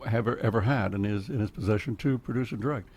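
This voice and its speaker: Fast and fairly low, with a darkish tone, this older man with an Oklahoma accent rattles through meandering stories as a radio studio guest. It's easygoing chat full of laughter and sudden topic jumps.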